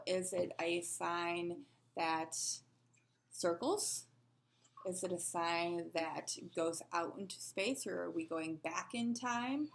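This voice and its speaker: A woman's voice: lowish voice, gravelly. A woman teaching a sign language lesson, patiently explaining and asking rhetorical questions as she demonstrates.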